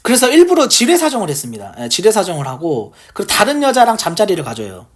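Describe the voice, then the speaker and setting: A woman teaching from the Bible in a relaxed, chatty way. Her voice is slightly husky and breathy, and her pitch swings widely as she drives home each point. She keeps firing rhetorical questions at the listener. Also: quick pace. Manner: emphatic, full of rhetorical questions. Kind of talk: casual Bible teaching on camera.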